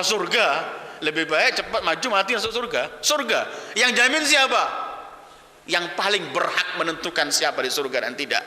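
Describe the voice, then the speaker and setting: A man preaching a sermon, telling stories dramatically with loud exclamations and hushed low phrases. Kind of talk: sermon storytelling. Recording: echoey hall with long reverb.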